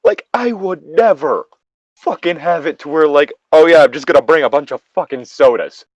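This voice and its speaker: A man with a voice on the high side reads an internet story at normal speed, frequently veering into animated, exasperated remarks laced with swearing. The recording is muffled, with no echo.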